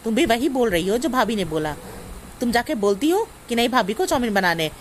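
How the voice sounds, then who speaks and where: Lady playing a spoiled bossy daughter, whiny and accusing, highish voice. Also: big pitch swings, brisk, slight background noise. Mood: sulky. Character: spoiled, demanding grown daughter visiting home. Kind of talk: family comedy skit acting.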